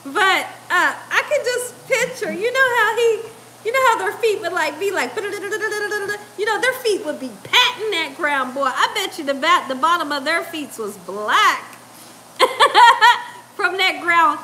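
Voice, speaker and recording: High, slow-talking laughing woman streamer. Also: a little hiss or hum. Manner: laughs often, animated and chatty, drawls words out. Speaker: cooking channel host reading live chat. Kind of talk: casual livestream chat. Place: home kitchen, indoors. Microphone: lapel mic.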